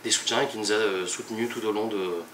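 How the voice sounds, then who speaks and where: A young man, a teacher, presenting a project in a halting way with many pauses and restarts. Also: lowish voice, steady tone, a bit bright, a little hiss or hum. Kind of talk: hesitant spoken presentation. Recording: echoey room, mic at a distance.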